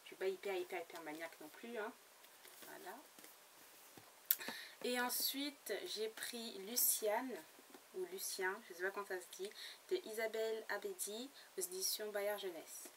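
A woman's voice: mid-range voice, normal speed. Woman rambling about her book haul at home, lots of ums, sounds a bit far from the mic, faint hiss. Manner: chatty, hesitant, many fillers and restarts. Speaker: book blogger. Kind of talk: casual book haul vlog. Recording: slightly distant mic with faint background noise.

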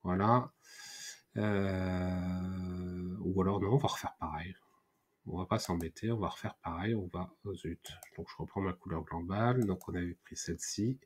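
Male tutorial host, lower pitch, hesitant thinking-aloud delivery, keyboard clicks in background. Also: steady tone, normal speed, husky. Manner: hesitant, many fillers and restarts, thinking aloud. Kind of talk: screen-recorded software tutorial. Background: mouse clicks and typing.

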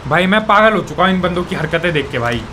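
A young man commentating his own gameplay, exasperated and pleading, often yelling at other players. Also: high voice, expressive, fast talker, slight background noise. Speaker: gaming YouTuber.

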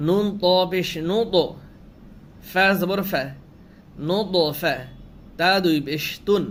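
Male Quran reading teacher, Bangladeshi Bengali accent, drawn-out syllable drills, repeats each reading, faint background noise. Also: sits high, a bit bright. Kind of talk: slow spelling-out recitation lesson.

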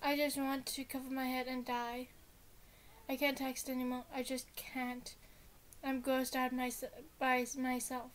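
A woman's voice: high voice, monotone, measured pace, slight background noise, rough recording. A woman reading as a panicked, ashamed young woman. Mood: distressed. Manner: reads the texts plainly, little voice change. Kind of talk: reading text-message story aloud.

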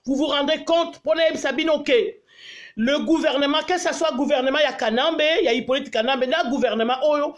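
A woman's voice: sits high, steady tone, fairly quick. A Congolese woman vlogger ranting angrily on a live stream, mixing French with her native tongue and pleading repeatedly for viewers to share. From Congo (DRC). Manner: angry, repetitive pleading to share. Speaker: diaspora vlogger.

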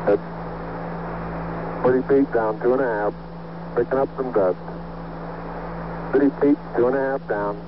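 Man on crackly breaking-up space radio. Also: mid-range voice. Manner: terse, clipped number callouts. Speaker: astronaut. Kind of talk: flight callouts over radio. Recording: noisy lo-fi archive space radio.

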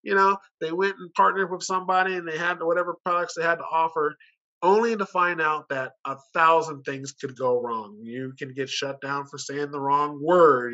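Over muffled, dull video call audio, a man with a fairly high, sharp voice gives a sales pitch as a company director at an online conference. He's informal and persuasive, chatting conversationally and asking plenty of rhetorical questions.

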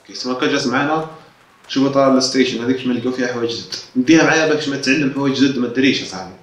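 A young man chats quickly through a let's play, slipping English game words into his talk. He sits at a distance from the mic in an echoey room. Game music plays faintly behind him. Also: mid-range voice, muffled recording. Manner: chatty, quick, mixing English game lines into Arabic. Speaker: gaming YouTuber.

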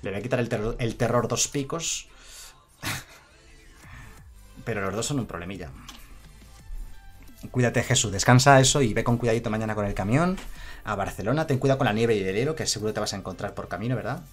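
A man's voice: lowish voice, fairly quick, long pauses, faint music behind. A man streaming a card game, chatting casually, reading chat aloud and laughing often. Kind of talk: casual live-stream commentary.

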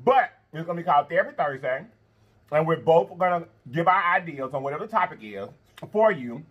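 A man in his thirties with a husky voice, chatting casually as he hosts an eating show. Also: on the high side, lively intonation, brisk, dull audio. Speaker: mukbang show host. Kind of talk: casual chat while eating. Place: indoor studio, seated at a table of food.

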